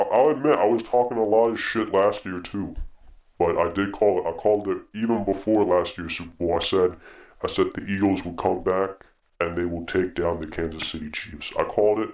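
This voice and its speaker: Really deep voiced guy gloating and teasing his cohost, swears a lot, kinda muffled echoey room. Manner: boastful, teasing, swears freely. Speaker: podcast co-host. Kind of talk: casual chat.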